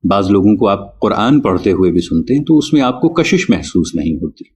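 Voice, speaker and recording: A man teaching a spoken lesson on correct pronunciation, explaining carefully and spelling out sounds slowly. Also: fairly low pitch, sing-song, a little mellow, a little hiss or hum. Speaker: Urdu teacher.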